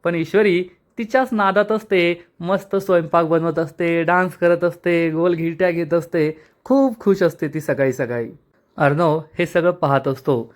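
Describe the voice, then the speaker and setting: A man narrates a television episode recap in a lively storytelling manner. He slips into the characters' dialogue as he goes, and his voice sits a little higher than most men's. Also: normal speed. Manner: retells scenes acting out each character's lines. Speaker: serial review narrator.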